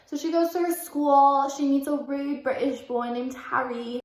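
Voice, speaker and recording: A woman's voice: high voice, a little slow. Chatty young woman in an echoey room. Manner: self-mocking asides, stops to correct her own reading; chatty, fills speech with "like". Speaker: vlogger. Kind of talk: reading aloud with casual commentary. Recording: roomy echo.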